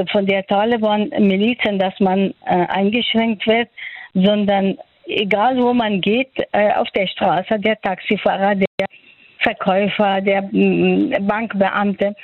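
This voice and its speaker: An older Afghan woman with an Afghan accent, a doctor, is interviewed on radio over the phone, speaking hesitantly and using many fillers as she searches for words. Her voice is mid-range, and the phone line sounds dry and tinny, with no echo.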